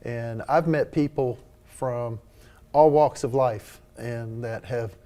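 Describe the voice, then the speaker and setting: A man's voice: mid-range voice, fairly even intonation, slow pace, mellow. A man speaking as a charity leader and interview guest, informal and earnest. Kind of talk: casual spoken interview.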